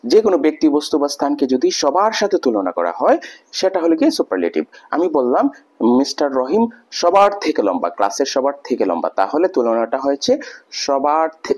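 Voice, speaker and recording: A man's voice: medium pitch, darkish tone. A man teaching an English grammar lesson, explaining patiently step by step with many examples.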